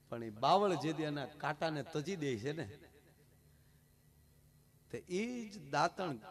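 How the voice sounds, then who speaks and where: A man with a Kathiawadi Gujarati accent telling a comic folk story to a live audience, animated and punchy, with repeated direct address. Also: fairly high pitch.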